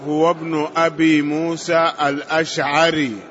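A man reading a classical religious commentary aloud in a measured, chanting recitation. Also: on the high side, flat delivery, a bit bright, lo-fi sound. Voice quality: reads in a slow chanting lilt.

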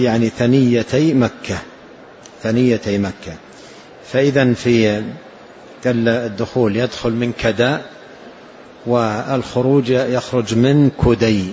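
A man gives a religious lesson, going through texts at a measured pace and repeating key phrases. His voice sits in an ordinary middle register, captured on a dull, lo-fi recording with a faint noise underneath. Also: medium pitch, a little mellow. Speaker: religious teacher. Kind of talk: explaining hadith in a lesson.

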